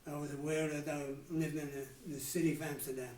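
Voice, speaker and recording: A man in his nineties, Dutch-accented and from the Netherlands, haltingly recounts his childhood for a candid life-story interview, frequently restarting and pausing. The voice is on the high side, flat and a little mellow, heard from a distance with reverb.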